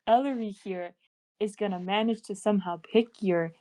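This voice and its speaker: A woman's voice: mid-range voice, moderate pace, warm tone, natural voice. A woman playing a blunt, bossy pirate woman. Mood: warning. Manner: firm, warning.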